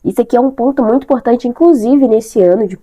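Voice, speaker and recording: Congested young Brazilian woman, dark soft tone. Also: fairly high pitch, quick pace. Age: young adult. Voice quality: congested, stuffy nose. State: congested with sinusitis and a bad throat. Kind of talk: casual chat to camera.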